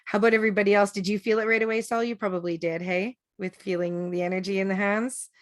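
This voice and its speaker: A woman's voice: mid-range voice, fairly even intonation, quick pace. A woman teaching an online energy work class, chatty and rambling with many fillers, over a video call. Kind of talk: casual online class talk.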